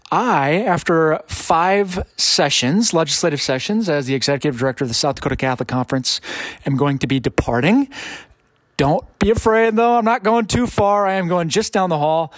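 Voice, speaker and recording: A man hosting a conversational podcast in a casual, halting way, often restarting his phrases. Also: fairly high pitch, dry recording. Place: basement of a guest home.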